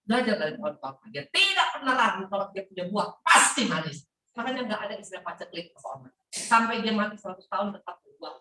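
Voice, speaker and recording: A middle-aged woman preaching an animated, playful sermon to a women's Bible class, mixing in English words. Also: medium pitch, fast talker. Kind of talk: lively sermon. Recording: echoey hall, voice from a distance.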